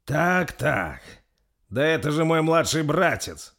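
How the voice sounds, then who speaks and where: A man voicing a gray-haired, wrinkled undead old man with a hoarse, metallic voice and a mocking manner. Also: fairly high pitch, very animated, slow pace, fairly bright tone, pitched above the performer's own voice, heavily acted.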